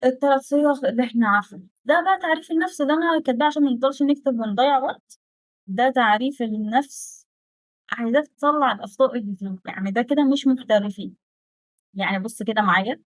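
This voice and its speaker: Egyptian woman in her twenties, quick and chatty language teacher, rather high voice, dry close sound. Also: no echo. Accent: Egyptian Arabic. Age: 20s. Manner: lively, quick, chatty and direct, slows right down to spell out German phrases. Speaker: German teacher. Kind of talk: casual Egyptian Arabic lesson.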